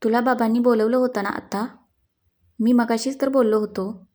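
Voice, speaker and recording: A woman reading as a cheeky young man, teasing and easily flustered, in a mellow, slightly high storybook voice. His lines come unhurried, with nervous stalling when he is cornered. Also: steady tone, natural voice. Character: young man, playful, sly, fumbling liar.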